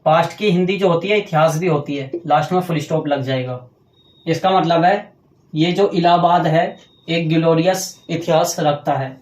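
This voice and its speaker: A man teaching a grammar lesson, explaining step by step and dictating slowly while he writes on a board, often asking questions and answering them himself. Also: fairly high pitch, fairly even intonation, a little mellow, echoey room. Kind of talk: classroom grammar lecture.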